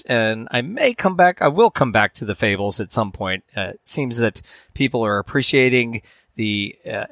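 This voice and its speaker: A man hosting a podcast, reading a fable aloud in a measured storytelling way, with dramatic swings in pitch and loudness. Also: no echo, studio quality. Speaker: podcast host.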